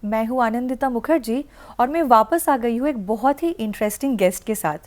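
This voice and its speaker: A woman's voice: a little high, moderate pace, a little mellow. A woman hosting a TV interview, a polished presenter who mixes Hindi and English. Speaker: interview host.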